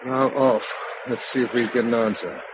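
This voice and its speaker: An actor playing Bill, a decisive, protective British man in a radio drama, speaking in a clipped, earnest and expressive way. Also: medium pitch, moderate pace, lightly acted. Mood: urgent, resolute. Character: Bill, decisive, protective man surviving catastrophe, tender with his sweetheart. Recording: dull, faintly noisy old radio recording.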